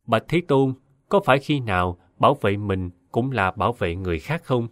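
A man's voice: lowish voice, lively intonation, normal speed, fairly bright tone, no room sound, studio quality. A man voicing a devout male lay disciple who speaks respectfully and earnestly.

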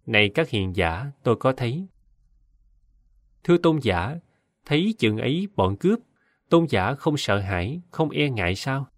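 A man's voice: mid-range voice, sing-song, a little slow, long pauses, dry recording, studio quality. A man voicing frightened male caravan travelers who ask anxious, deferential questions.

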